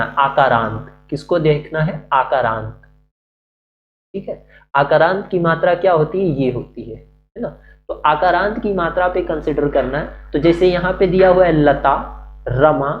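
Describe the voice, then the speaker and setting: Man teaching, asking and answering himself. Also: a little high. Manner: asks questions and answers them himself, repeating key words. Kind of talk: classroom-style grammar lesson. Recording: muffled recording with faint hum.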